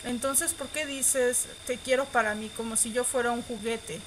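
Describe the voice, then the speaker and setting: A woman's voice: on the high side, steady tone, moderate pace, background noise. A woman reads a romance visual novel aloud and reacts with squeals and laughs. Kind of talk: reading game text aloud with live reactions.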